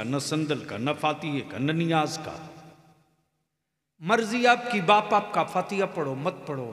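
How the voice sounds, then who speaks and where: A man preaching in Hindi-Urdu at a public religious gathering, moving from calm storytelling to loud shouted climaxes. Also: fairly high pitch. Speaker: Islamic preacher. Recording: echoey hall with long reverb.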